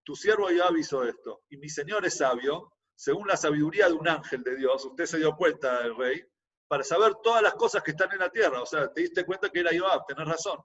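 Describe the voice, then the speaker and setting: A man's voice: fairly high pitch, lively intonation, a little fast, fairly bright tone, far from the mic, highs cut off. A man with an Argentine accent who teaches a Bible class. He reads a verse aloud and then explains it in plain everyday words, often repeating words as he searches for the next one. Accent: Argentine Spanish. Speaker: Torah teacher.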